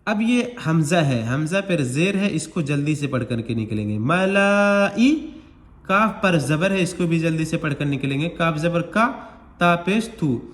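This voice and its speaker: A man's voice: fairly high pitch, expressive, normal speed, reverberant. A man teaching Quran recitation step by step, explaining each rule patiently and stretching out the words he recites. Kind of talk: slow step-by-step recitation lesson.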